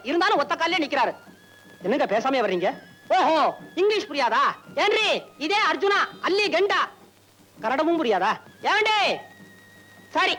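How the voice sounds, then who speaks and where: A man's voice: extremely high pitch, pushed and bright, heavily acted. An actor playing a poor, wisecracking male tour guide in an old film comedy, rambling with mock English. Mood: mock guiding. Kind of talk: 1960s film comedy acting.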